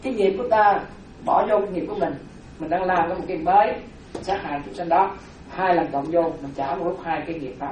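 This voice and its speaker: A woman's voice: fairly low pitch, fairly quick, darkish tone, slight background noise. Woman giving a Dharma talk in an echoing hall. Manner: repetitive, explanatory, rhetorical questions. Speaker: Buddhist Dharma teacher. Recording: very echoey hall from far off.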